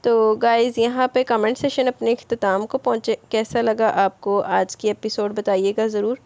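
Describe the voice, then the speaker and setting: A woman's voice: on the high side, little pitch movement, moderate pace, no room sound. Chatty woman reading out viewer comments. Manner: warm thanking, chatty replies to listeners.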